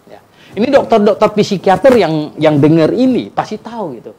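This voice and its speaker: Animated preaching man, lively pitch. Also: moderate pace, breathy edge. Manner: animated, acts out quoted dialogues, frequent "ya" tags. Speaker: pastor and guest speaker. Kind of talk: church talk show discussion.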